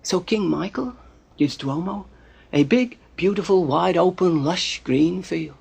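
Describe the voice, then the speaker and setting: A man telling a folk tale with a gravelly, husky voice and theatrical, animated delivery, dropping to hushed asides. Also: high voice, measured pace. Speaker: storyteller. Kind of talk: storytelling narration.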